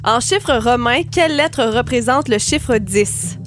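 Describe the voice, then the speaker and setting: A high-voiced woman with a Québécois accent hosts a morning radio quiz, reading the questions in a lively, brisk way. Soft music runs faintly behind her. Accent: Québécois French. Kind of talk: casual radio banter and quiz hosting.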